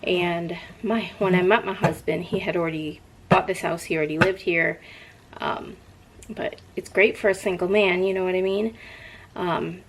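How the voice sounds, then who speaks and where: A woman's voice: lowish voice, steady tone, moderate pace, a little hiss or hum, poor audio. A middle-aged woman vlogger chatting casually in a rambling way, drifting off and picking the thread back up.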